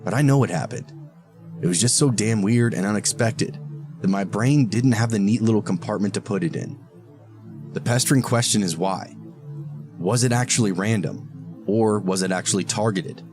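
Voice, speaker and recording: A man's voice: fairly low pitch, normal speed. A man narrating a first-person horror story in a reflective, questioning way. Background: background music.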